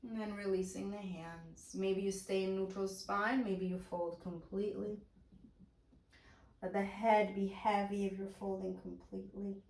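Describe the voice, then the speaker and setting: A woman teaching a guided chair yoga class, giving slow, soft-spoken breath cues. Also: medium pitch, flat delivery, recorded from a distance. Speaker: yoga instructor. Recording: roomy echo, voice away from mic.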